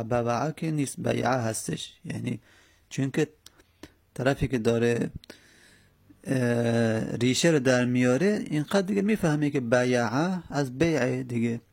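A man teaching a grammar lesson, explaining slowly step by step with many pauses and fillers. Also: medium pitch, vocal fry, darkish tone.

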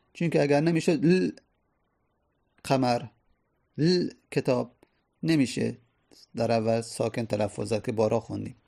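A man's voice: on the high side, vocal fry, warm tone. A man teaching a grammar lesson, explaining step by step and answering his own questions.

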